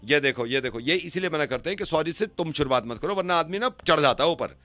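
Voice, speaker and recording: A man's voice: on the high side, expressive, fast, bright, forceful tone, no echo. A male radio host making a prank phone call, stubbornly insistent and repeating himself with mock innocence.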